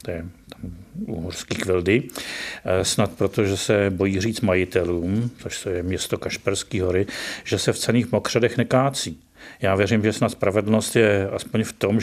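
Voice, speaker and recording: A man with a very low, deep voice speaks as a professor being interviewed on the radio. He talks in a measured way, pausing often with hesitant fillers as he lays out his view. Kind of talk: radio interview, opinionated explanation.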